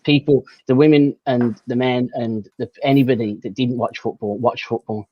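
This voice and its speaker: Man, middle pitch, rambling, repeats words, casual podcast guest. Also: fairly even intonation, moderate pace, dull audio. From Birmingham, England. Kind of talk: casual football chat.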